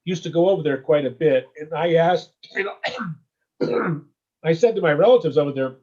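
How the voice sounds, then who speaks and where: With a slightly high voice and a moderate pace, a man from the United States rambles warmly through a casual interview. He tags his sentences with "okay?" and "you know?", and the audio is dull.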